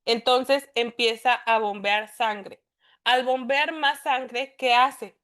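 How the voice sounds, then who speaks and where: Mexican woman lecturing in a higher voice. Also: steady tone, slow, fairly bright tone. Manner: explanatory, poses rhetorical questions and tags them with "¿no?". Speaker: instructor. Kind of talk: class lecture.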